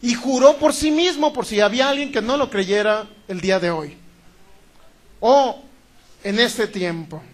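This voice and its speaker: A man from Sinaloa with a northern Mexican accent preaching a sermon, loud and emphatic, repeating key phrases and often asking the congregation whether they understand. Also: high-pitched, a little slow. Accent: Sinaloan Mexican Spanish.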